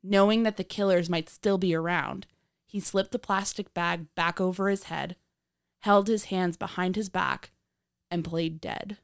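Woman, true crime narrator, podcast host, slightly low pitch, measured dramatic storytelling, scripted, dry studio sound. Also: steady tone, vocal fry, clean tone, dry recording.

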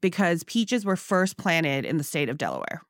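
A woman talking about her baking in a relaxed, chatty way, full of fillers and quick asides. Her voice sits a little low. The studio sound is dry and close. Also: dry recording. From Singapore and Hong Kong. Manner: chatty, frequent fillers, laughs easily. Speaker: guest, pie baker. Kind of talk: casual interview chat.

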